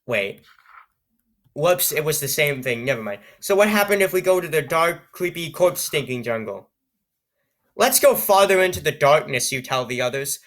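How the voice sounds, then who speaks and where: Bright-voiced man reading with sarcastic asides. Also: a little high, lively intonation, moderate pace. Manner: sarcastic, amused, stumbles over words while reading. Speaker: channel host reading an AI-written story. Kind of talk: reading aloud with joking asides.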